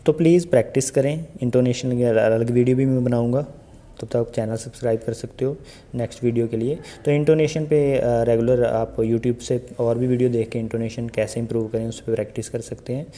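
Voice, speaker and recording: A man's voice: mid-range voice, steady tone, brisk, dark tone. A young man coaching IELTS speaking in a casual tutorial, chatty and full of rhetorical questions to the viewer. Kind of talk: casual Hindi tutorial monologue.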